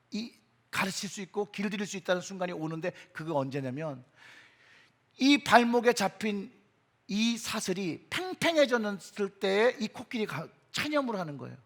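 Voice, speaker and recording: A middle-aged man preaches in a church with an emphatic delivery, his pitch and volume climbing on key phrases. His voice sits high for a man and has a gravelly texture that frays at the ends of phrases. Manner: emphatic, with surges in pitch and loudness. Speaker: pastor. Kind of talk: sermon. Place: church sanctuary.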